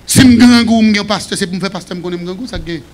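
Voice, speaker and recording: A man with a Haitian accent preaching a sermon as pastor, shouting and singing some phrases. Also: high-pitched, racing. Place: church.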